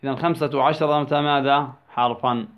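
A man teaching a tajweed lesson, asking questions and answering them, and stretching example words out slowly. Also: mid-range voice, fairly even intonation. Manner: asks prompting questions then answers them. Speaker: Quran recitation teacher. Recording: dull lo-fi recording.

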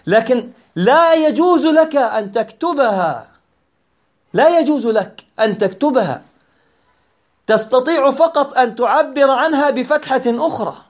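A man teaching an Arabic grammar lesson, patiently repeating key points and asking and answering his own questions. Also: very high voice.

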